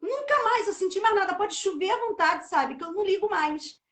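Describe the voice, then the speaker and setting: A woman's voice: extremely high pitch, animated, fairly quick, a bit bright, reverberant. A middle-aged woman telling an emotional personal testimony, talkative and full of "né". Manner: talkative, emotional storytelling with many "né". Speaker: host of a live church chat series. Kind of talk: casual testimony chat.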